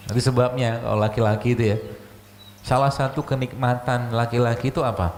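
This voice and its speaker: A man's voice: medium pitch, steady tone, fairly quick. A man, a doctor giving a religious health lecture, chatty and full of rhetorical questions. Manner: conversational, rhetorical questions, frequent "gitu loh" asides. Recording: echoey room, faint ambient noise.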